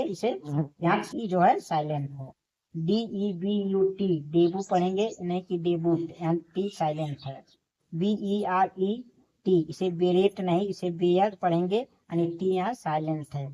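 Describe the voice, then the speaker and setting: A woman's voice: fairly low pitch, mellow, rough recording. A woman teaching a lesson, spelling each word letter by letter and saying it again and again. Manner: spells words out letter by letter, slowly; repeats each word many times. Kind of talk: classroom lesson.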